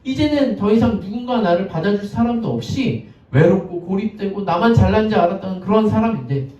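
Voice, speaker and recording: In a church sanctuary, a male pastor delivers a conversational sermon in a high-sitting, dark-toned voice, speaking fairly quickly with lively intonation. He is chatty, acts out scenes, and puts questions to the congregation. The echoey, distant recording has a dull lo-fi sound.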